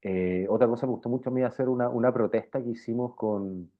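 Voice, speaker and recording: Through thin, band-limited, phone-like audio, a mid-range male voice talks quickly. He is a middle-aged Chilean journalist in a casual interview, using slang and informal speech and repeatedly looping back over what he's said.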